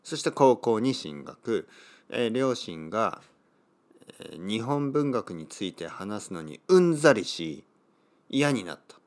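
Middle-aged guy from kyushu teaching japanese, lowish voice that swings up and down a lot, reads slow then explains simply. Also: big pitch swings. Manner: reads text aloud slowly, then rephrases it in simpler words; stops and wonders aloud how to read place names. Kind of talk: explaining a reading for Japanese learners.

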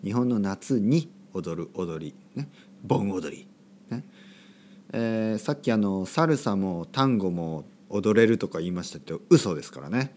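A man's voice: fairly low pitch, lively intonation, moderate pace, a little mellow, a little hiss or hum. A man hosting a podcast for language learners, talking in a playful, jokey way and exaggerating for fun. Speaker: podcast host teaching Japanese.

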